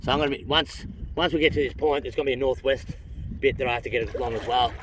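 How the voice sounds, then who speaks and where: A blokey Australian man, sounding like an easygoing tradesman, thinks aloud casually as he vlogs from a canoe. His pitch is average for a man. The phone picks him up from a little way off, with clear wind and water noise around him. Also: fairly even intonation, fast, recorded from a distance. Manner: laid-back, rambling thinking aloud, swearing, self-mocking. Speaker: vlogger. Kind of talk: casual chat to camera while paddling. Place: outdoors on a canoe on open water. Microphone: phone propped up in front of him.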